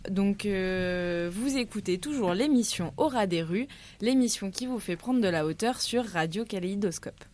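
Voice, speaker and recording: A woman presenting a radio talk program from a studio. Her voice sits at a middling pitch, and her delivery is easygoing and conversational as she introduces the next segment. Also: animated, normal speed, a little mellow. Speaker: radio show host. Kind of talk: radio talk show hosting.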